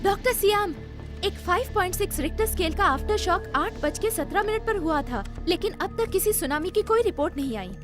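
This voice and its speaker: An actress playing a brisk woman staffer reporting quake data in a Hindi film dub. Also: extremely high pitch, animated, music in the background.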